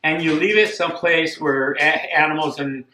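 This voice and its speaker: An older man from Costa Rica giving a plain, unhurried home cooking demonstration, repeating himself now and then. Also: fairly high pitch, fairly even intonation, bright, forceful tone. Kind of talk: casual home cooking demo. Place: echoey home kitchen. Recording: echoey kitchen with clear background noise.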